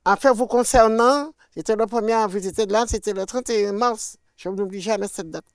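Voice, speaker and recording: An older woman with a Martinican French accent tells her faith story at a measured pitch. Her delivery is lively, and she plays out the dialogue she quotes. The sound is dry and close. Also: no room sound. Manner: animated, acts out quoted dialogue with swings in loudness. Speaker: guest sharing a faith testimony. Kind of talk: personal testimony storytelling.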